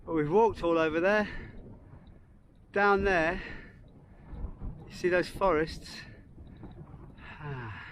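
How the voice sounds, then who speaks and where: A man's voice: on the high side, takes it slowly, pauses often, a bit bright. A man giving casual, chatty walk-along narration as a hiking vlogger, talking informally into a handheld camera outdoors. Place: outdoors on open moorland hills. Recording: outdoor wind and ambient noise.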